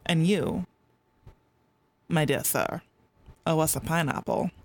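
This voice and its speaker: A woman voicing a greasy male henchman who threatens with slow, silky politeness. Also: low-pitched, sing-song, gravelly, heavily acted. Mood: menacing. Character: oily menacing male henchman, mock-polite.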